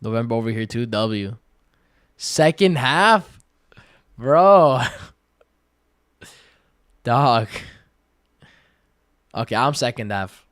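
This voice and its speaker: A twenty-year-old man livestreaming, reading viewer questions aloud and answering in relaxed, slangy chat full of fillers. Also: medium pitch, very slow, long pauses, smooth, no echo, clean studio sound. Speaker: day-trading livestreamer.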